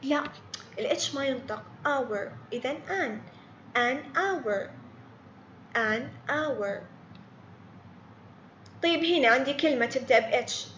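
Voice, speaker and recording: High-voiced woman teaching English. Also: fairly bright tone, roomy sound, highs cut off, a little hiss or hum. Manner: patient, repeats words slowly, quizzes students by name. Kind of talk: online lesson explaining grammar.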